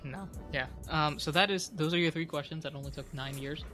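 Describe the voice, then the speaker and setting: Bright-voiced man as game master. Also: on the high side, a little fast, soft background music. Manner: relaxed, loose, with frequent fillers. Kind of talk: casual actual-play narration.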